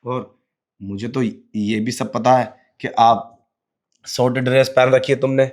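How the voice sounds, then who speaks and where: This actor's voice is medium-pitched and darkish, steady in tone and measured in pace. In a short skit he plays a sleazy man feigning blindness, wheedling slyly and constantly dropping "you know."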